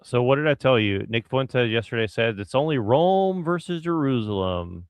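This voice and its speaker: A man's voice: mid-range voice, lively intonation, normal speed, clear, resonant tone, dry recording. A man giving casual reaction commentary in a hesitant, musing way.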